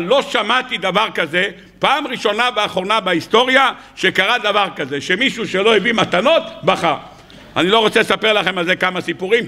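Male rabbi preaching, high and bright, teasing rhetorical style that slips into acted dialogue. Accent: Israeli Hebrew. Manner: rhetorical questions and playful mockery; animated, acts out quoted dialogue. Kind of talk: sermon.

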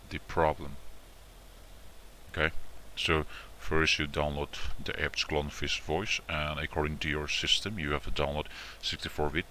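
Using an extremely low voice, a man presents an informal step-by-step software tutorial. He repeats instructions and frequently checks in with short tags, and there's slight background noise.

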